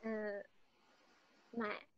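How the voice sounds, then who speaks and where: A woman playing a word game, giving clues quietly, hesitantly and politely. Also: mid-range voice, completely flat delivery, drawn-out words, no echo, highs cut off. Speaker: game player. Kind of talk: casual game play.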